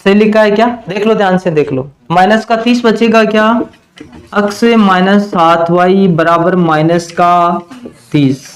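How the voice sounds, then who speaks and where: A man with a Hindi accent teaching a math lesson at the board, asking the class questions and then answering them himself, and slowing down to dictate equations. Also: high-pitched. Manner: slows down while dictating equations.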